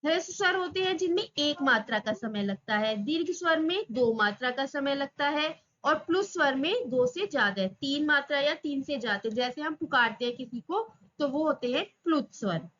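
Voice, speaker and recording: A woman with a high, bright voice teaches an exam-prep class. She poses questions and answers them herself, stretching out the example sounds. The recording is slightly dull and lo-fi. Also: lively intonation. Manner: drawls example sounds slowly.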